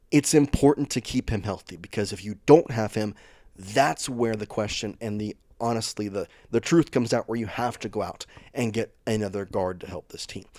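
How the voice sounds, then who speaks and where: A man's voice: lowish voice, darkish tone, dry recording, clean studio sound. A man hosting a sports channel, talking through team news in a chatty, opinionated way that speeds up in bursts. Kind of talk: casual sports commentary vlog.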